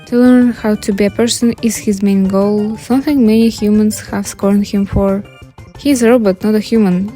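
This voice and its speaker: Mellow Russian-accented young woman over music. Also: mid-range voice. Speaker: YouTube artist and channel host. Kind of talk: casual scripted speedpaint commentary. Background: background music.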